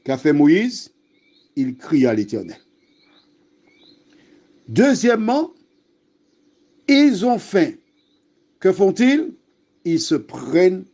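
A man delivers an evening devotional sermon, speaking directly to the listener and exhorting them. His delivery is slow and mellow. His pitch moves widely as he presses each point. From French Antilles. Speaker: preacher.

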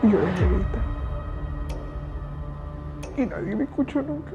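A young woman gives a personal testimony in a quiet, halting way, often stopping to search for words. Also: mid-range voice, animated. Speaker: interviewee giving testimony. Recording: dull lo-fi audio with faint music.

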